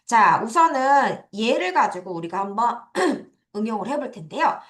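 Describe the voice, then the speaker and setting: A woman's fairly high voice swings widely in pitch as she teaches English numbers to kids in an academy classroom, moving at a normal speed. The recording is reverberant. She asks the students quiz questions and works through the answers step by step.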